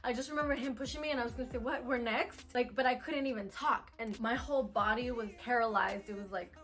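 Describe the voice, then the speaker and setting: A young adult woman telling a personal story to camera in a chatty, animated vlog style. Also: a little high, quick pace. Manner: chatty, animated, lots of "like" and "oh my gosh". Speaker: vlogger.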